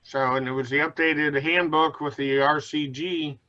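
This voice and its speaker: A man chatting casually with fellow rider coaches over a video call, easygoing and quick to laugh. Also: a little high, fairly even intonation, pushed and bright. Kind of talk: casual chat. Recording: dull lo-fi video call audio.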